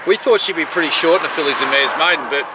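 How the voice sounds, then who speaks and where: A man's voice: fairly high pitch, fast, distant mic, background noise. An Australian man hosting a casual, frank chat about his racehorses. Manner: frank, matter-of-fact horse talk. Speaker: racing syndicate host.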